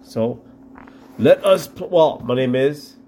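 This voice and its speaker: A man co-hosts a podcast in loose, rambling chat, joking and teasing. His voice sits in a middle pitch, with faint noise behind it. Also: lively intonation, takes it slowly, warm tone. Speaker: podcast co-host. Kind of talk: casual chat.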